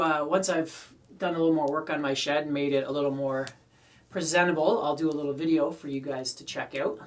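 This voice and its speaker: A man with a Canadian accent rambles casually to his viewers while smoking a pipe, recorded in a small shed. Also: fairly high pitch. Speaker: pipe-smoking video creator. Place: small wooden garden shed. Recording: distant mic, poor shed acoustics.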